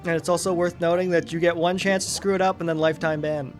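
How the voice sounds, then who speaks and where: A man co-hosting a game stream, playing and chatting casually, quick to laugh. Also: on the high side, flat delivery, over music. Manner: giggly, quick to laugh at his partner. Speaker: streamer co-host.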